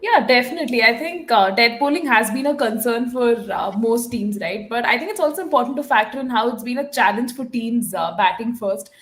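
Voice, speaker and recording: A woman's voice: a little high, lively intonation, fairly quick, hardly any pauses, a bit bright. A young woman co-hosting a cricket watchalong, giving thoughtful analysis with lots of "uh" and "you know".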